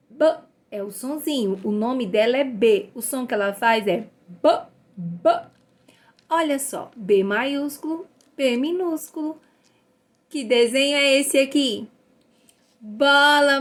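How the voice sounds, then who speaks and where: Slow high-voiced woman teaching phonics. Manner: sounds out letters slowly, cheerful praise. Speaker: literacy teacher. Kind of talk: phonics lesson for young children.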